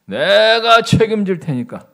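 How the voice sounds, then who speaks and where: A stubborn old hospital patient in his seventies snaps and grumbles in gruff, quick-tempered bursts, played by a male preacher. The voice sits very low. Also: warm tone. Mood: angry.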